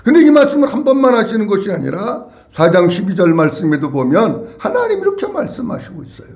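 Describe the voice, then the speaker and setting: A man's voice: high voice, fast talker. A male pastor preaching a sermon in a church, telling the story expressively and leading the congregation in call-and-response repetitions. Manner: expressive storytelling, acting out quotes. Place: church sanctuary.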